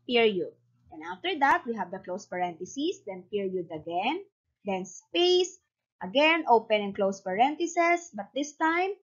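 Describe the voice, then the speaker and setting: Slow, higher-voiced woman dictating a lesson. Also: dull audio. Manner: dictating punctuation and spelling item by item; repetitive, methodical. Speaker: teacher. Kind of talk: instructional lesson, explaining citation format step by step.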